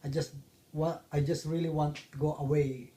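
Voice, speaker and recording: Halting middle-aged man. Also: on the high side, flat delivery, mellow. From Philippines. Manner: halting, many fillers and restarts. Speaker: interviewee, father. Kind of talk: casual interview answers.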